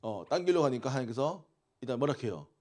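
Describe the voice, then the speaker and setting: A man's voice: medium pitch, sing-song, quick pace, mellow. A man preaching to teenagers in a conversational way, often asking them questions and waiting for replies. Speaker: youth pastor. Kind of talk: interactive youth sermon.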